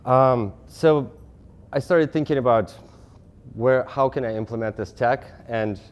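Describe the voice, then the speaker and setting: A man in his thirties from Russia giving a lecture presentation, talking fast, with frequent restarts and fillers. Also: medium pitch. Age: 30s. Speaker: guest speaker.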